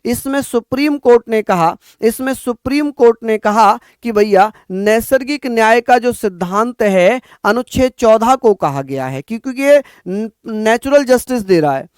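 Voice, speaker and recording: A man from northern India teaching an exam-prep lecture, repeating points slowly for students to write down. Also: very high-pitched, expressive, smooth, no echo, clean studio sound. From Uttar Pradesh, India. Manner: addresses students as bhaiya, repeats points for dictation.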